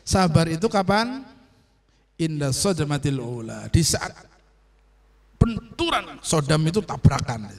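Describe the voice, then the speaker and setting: A man teaching an online sermon on Sufi patience, explaining slowly and checking that his listeners understand. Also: a little high, big pitch swings, vocal fry. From Indonesia. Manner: explains slowly, asks "understand?" often, acts out quoted voices. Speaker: religious teacher.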